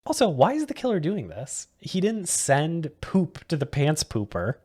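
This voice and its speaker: A man's voice: on the high side, huge pitch swings, moderate pace, a little mellow, husky. Giggly man recapping a movie. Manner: giggly, laughs often mid-sentence. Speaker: podcast co-host. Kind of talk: casual movie-review chat.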